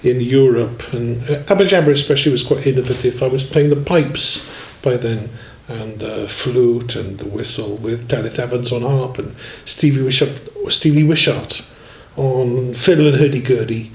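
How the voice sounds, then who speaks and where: A man in his sixties from Swansea, a musician telling his life story in a relaxed, rambling way and often saying "you know". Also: medium pitch, normal speed, creaky, few pauses. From Swansea, Wales. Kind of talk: relaxed autobiographical chat. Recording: echoey room.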